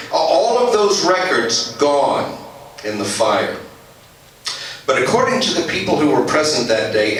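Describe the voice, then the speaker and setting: A male pastor delivers a sermon in a large, very echoey sanctuary, his voice arriving from some way off the microphone. He speaks at a middling pitch, drawing out key lines slowly and letting them fall quiet. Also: a little hiss or hum. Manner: deliberate preaching, slowing and dropping soft on key phrases. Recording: very echoey church hall, voice from a distance.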